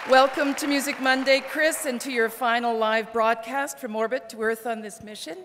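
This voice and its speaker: A woman with a fairly high voice gives a live welcome address. She projects to a big audience, her words ringing in a reverberant hall. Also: steady tone, moderate pace, fairly bright tone, some chatter behind, a little hiss or hum. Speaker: music education coalition spokeswoman hosting. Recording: large echoey hall.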